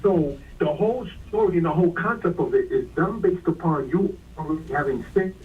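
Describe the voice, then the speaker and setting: A man's voice: fairly high pitch, animated, a little fast. A male caller heard over a phone speaker, arguing earnestly about scripture. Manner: earnest, argumentative. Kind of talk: call-in discussion of scripture. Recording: tinny distant phone line with faint hiss.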